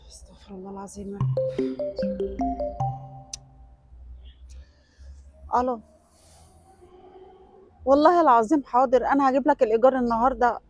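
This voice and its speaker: A young woman with an Egyptian accent playing a young woman who tests a suitor, pleading at first and then calm and self-assured. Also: fairly high pitch, quick pace, lo-fi sound, a little hiss or hum, natural voice. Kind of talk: web sketch acting.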